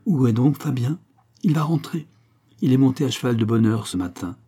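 A man reading the part of a gentle, shy young viscountess in an audiobook, raising his voice a little. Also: mid-range voice, expressive, normal speed, husky, voice pushed up.

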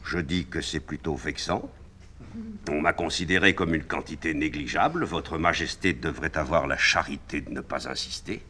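A man voicing a calm, sly police minister who answers dryly and with irony, read from a stage play. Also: a bass voice, moderate pace, slight background noise, full character voice. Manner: calm, dry, ironic.

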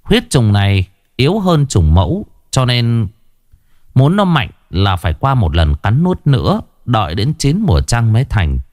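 A man narrating a horror story in a dramatic, lively storytelling manner. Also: medium pitch, a little slow, dry recording, studio quality.

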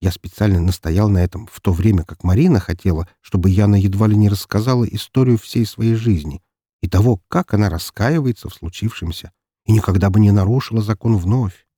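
A man narrating an audiobook in the first person, measured and dryly ironic. His voice sits low and warm, with a husky edge and animated intonation, recorded dry and close. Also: no room sound.

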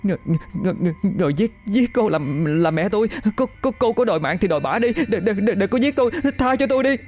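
A man's voice: high voice, lively intonation, very fast, faint music behind, pitched above the performer's own voice. A stammering, terrified young woman. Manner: stammering in panic. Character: terrified adult daughter, cowardly and whiny.

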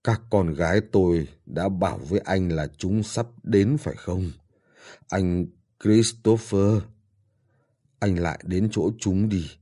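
A man reading as a frail old father on his deathbed, in pain and speaking weakly. His voice is deep, dark and husky, and it pleads for the daughters he misses. The character comes from an audiobook. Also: takes it slowly. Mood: pleading. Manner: weak, pained, pleading.

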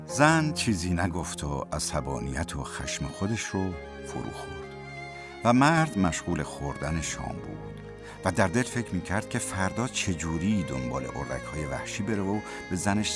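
A man narrating a fairy tale in a radio play, in measured storytelling. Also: deep voice, very animated. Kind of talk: scripted radio drama narration. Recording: radio narration over music.

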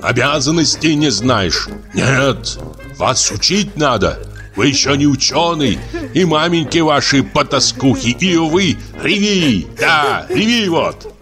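A man voicing a drunk, jealous husband who shouts, scolds and rants at his wife in an audiobook. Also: fairly high pitch, big pitch swings, slow pace, over music, voice pushed up. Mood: scolding. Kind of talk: audiobook character voice.

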